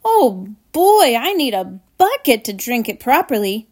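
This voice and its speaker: A woman voicing a greedy, heedless young boy in a children's storybook, loud and exclamatory. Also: fairly high pitch, big pitch swings, unhurried. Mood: greedy delight. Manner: exclamatory, emphatic. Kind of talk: children's storybook read-aloud.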